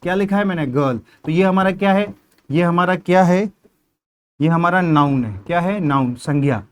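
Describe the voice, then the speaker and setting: A man's voice: high voice, moderate pace, clear, resonant tone. A man with a Hindi accent teaching an exam-prep grammar lesson, explaining step by step and asking questions that he then answers himself.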